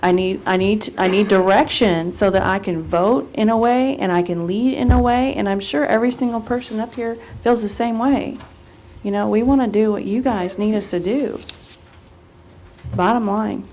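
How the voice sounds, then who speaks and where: A woman's voice: medium pitch, normal speed, darkish tone, a little hiss or hum. Brief: woman on a city council, earnest and heartfelt, plain mid voice, chamber desk mic. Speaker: council member. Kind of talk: remarks at a council meeting.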